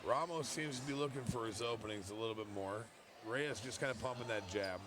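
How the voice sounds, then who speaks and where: A man's voice: medium pitch, a little fast, noisy background. A man giving live play-by-play commentary on a fight.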